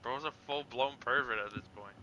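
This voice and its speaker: A man's voice: mid-range voice, fairly quick, pushed and bright, lo-fi sound. A man chatting casually and joking while playing a game. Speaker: co-player. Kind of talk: casual gaming commentary.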